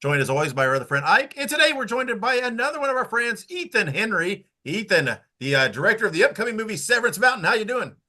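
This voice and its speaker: A man opens a show as a theatrical horror host. His voice is bright and sits a bit high, with lively swings in pitch. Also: fast talker, few pauses.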